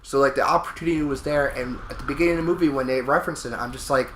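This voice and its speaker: A man's voice: mid-range voice, racing, a bit bright. A man chatting casually and emphatically over video game play as co-host, opinionated, often repeating and rephrasing his points. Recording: roomy echo, faint background noise.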